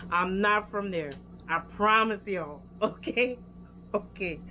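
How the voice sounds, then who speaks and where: Here the Louisiana-accented hair vlogger sounds bright and forceful, speaking slowly at a medium pitch. She's a young woman giving a casual product review directly to her audience, with many filler words, over a bit of background noise.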